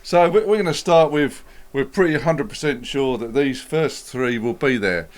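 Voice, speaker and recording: Steady, explaining man. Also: medium pitch, moderate pace. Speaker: co-host. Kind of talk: casual chat about music gear.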